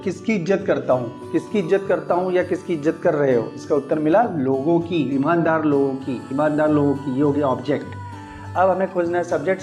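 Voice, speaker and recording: A man's voice: fairly high pitch, mellow. A man teaching English grammar, explaining step by step and repeating key phrases as he questions his students. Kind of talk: explanatory lesson.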